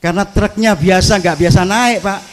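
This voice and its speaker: A high-voiced preacher with an East Javanese accent tells funny stories from the pulpit. He talks straight to the crowd at an outdoor evening gathering, into a PA microphone. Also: normal speed, faint music behind. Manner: storytelling, addresses the crowd. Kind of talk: humorous sermon.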